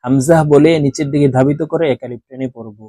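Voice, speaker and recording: A man teaching Quran reading to viewers. He drills letter sounds slowly, one by one, then explains how to say them in quick, plain speech. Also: medium pitch, steady tone, mellow, no room sound. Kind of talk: slow recitation drill with explanations.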